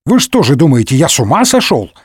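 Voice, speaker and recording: A man's voice: fairly high pitch, sing-song, quick pace, husky, no room sound, studio quality. A man voicing a bewildered, hot-headed young musketeer in a comic audiobook, exclaiming indignantly. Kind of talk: audiobook character voice.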